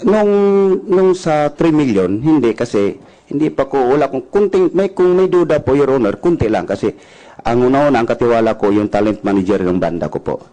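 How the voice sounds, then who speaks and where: A man testifying as a witness at a hearing, answering deferentially and politely, halting and restarting often. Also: medium pitch, animated, dark tone, poor audio. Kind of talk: testimony under questioning.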